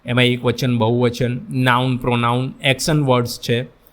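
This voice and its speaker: A man's voice: medium pitch, little pitch movement, moderate pace, fairly bright tone. A man giving a lecture on employability skills, addressing his students directly and mixing English terms into his explanations. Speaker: vocational instructor. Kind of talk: classroom lecture.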